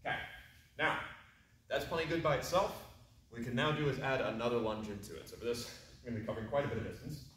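A man giving an instructional fencing demonstration, explaining movements and breaking them into short, crisp commands. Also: medium pitch. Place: large echoey indoor training hall. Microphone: distant camera microphone. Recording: very echoey room, distant mic, faint noise.

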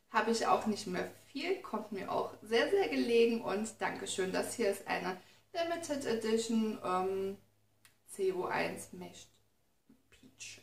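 In a spacious living room, a young woman who does beauty vlogs unboxes products, chatty and excitable, reading from notes now and then. Her medium-pitched voice has some vocal fry, and the camera mic a few feet off picks up roomy, distant audio with a bit of faint noise.

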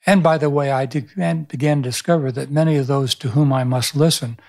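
A pastor and author in his seventies, with a medium-pitched, darkish voice marked by vocal fry, talks briskly in a reflective interview. He tells stories thoughtfully but restarts his sentences often, captured indoors in a small room on a studio microphone mounted on a boom arm.

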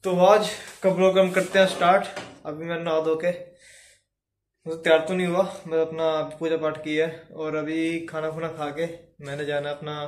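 A young man from Haryana chatting casually in a daily vlog, giving running commentary to a handheld phone camera. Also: a little high. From Haryana, India. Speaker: vlogger. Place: kitchen, then outdoors on streets. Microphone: phone at arm's length.

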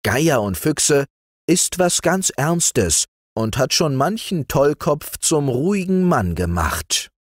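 A man reading aloud voices a smooth-talking male sorcerer who flatters and tempts. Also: a little high, slow pace, no room sound, clean studio sound, voice pushed up, full character voice. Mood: coaxing. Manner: persuasive, bowing and flattering.

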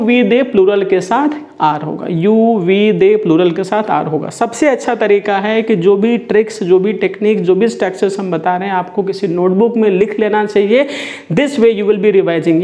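A man's voice: high voice, a little mellow. A man teaching a spoken English lesson, switching between Hindi and English and drilling example sentences.

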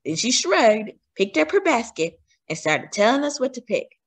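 A woman reading a children's picture book aloud as a teacher, expressive and animated. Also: fairly high pitch, moderate pace. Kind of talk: children's storybook read-aloud.

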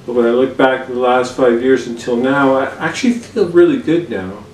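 A man in his forties talking candidly in a casual vlog, relaxed and easygoing, often pausing with fillers as he speaks. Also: medium pitch. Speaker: vlogger. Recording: roomy sound from a distant mic with faint background hiss.

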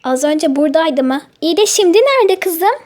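A woman voicing a gentle toy mother who coaxes and soothes her little daughter in a toy storybook play. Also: very high voice, animated, fairly quick. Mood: puzzled. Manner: soothing, coaxing.

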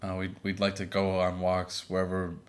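A man from Boston in his thirties, co-hosting a casual podcast with his wife, relaxed and full of fillers. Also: sits low, normal speed. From Boston, Massachusetts. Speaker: podcast co-host. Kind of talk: casual chat.

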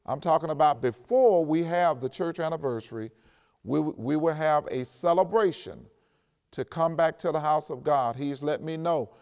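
A man's voice: fairly high pitch, darkish tone, clean tone. Older man preaching in a reverberant church. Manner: measured preaching, slowing and stressing scripture, addressing the congregation. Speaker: pastor. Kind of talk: sermon. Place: empty church sanctuary, at a clear pulpit.

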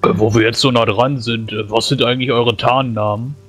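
A man's voice: medium pitch, fairly even intonation, a little fast, a bit bright, soft background music. A man playing a tabletop role-playing game, chatting casually as a player.

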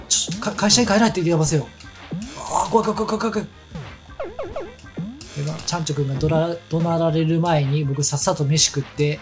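A man with a Kansai accent chatting casually and telling rambling stories while he plays a game. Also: a little high. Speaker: let's play commentator. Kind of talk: casual chat over gameplay. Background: game music.

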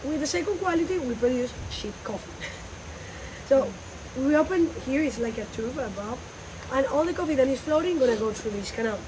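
A woman in her thirties with a Colombian Spanish accent, explaining coffee growing as a farm tour guide outdoors, in animated, non-native English. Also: high voice, fairly quick. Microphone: phone camera a few meters away. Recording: noisy outdoor phone recording.

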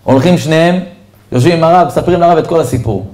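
A man, a rabbi, giving a storytelling sermon in an animated way and speaking straight to his listeners. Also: on the high side. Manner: animated storyteller who addresses listeners directly. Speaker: rabbi giving a Torah lesson.

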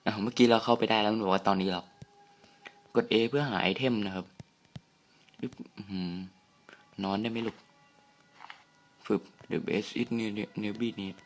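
A young man giving casual let's-play commentary on a horror game, hushed and jumpy, with startled outbursts and swearing. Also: on the low side, steady tone, fairly quick, long pauses, faint music behind. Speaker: gamer playing a horror game.

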